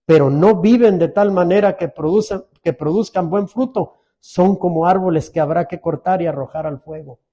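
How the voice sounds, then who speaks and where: A man's voice: high-pitched, warm tone. A middle-aged man preaching a sermon as pastor, earnest and pleading, often asking his congregation questions.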